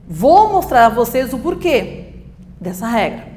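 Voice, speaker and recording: Woman, teacher, step-by-step grammar lesson, rather high voice, echoey room. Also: very animated, unhurried, darkish tone, a little hiss or hum. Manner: explains step by step, asks and answers her own questions. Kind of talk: grammar lesson for exam prep.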